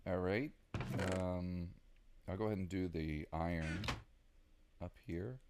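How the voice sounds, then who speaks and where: A man's voice: low voice, steady tone, slow, background noise. A man with a Southern American accent giving casual, rambling gameplay commentary, thinking aloud with lots of ums. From Southern United States. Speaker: gaming video creator.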